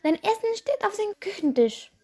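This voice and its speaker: A woman's voice: extremely high pitch, sing-song, moderate pace, mellow, voice pushed up, full character voice. A woman voicing an impatient, chatty mother who coaxes and scolds in a storybook reading. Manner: coaxing, exasperated.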